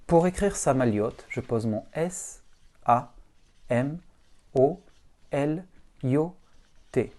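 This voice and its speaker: A man teaching a language lesson, spelling words out letter by letter in a deliberate, patient way. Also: medium pitch, expressive, a little mellow.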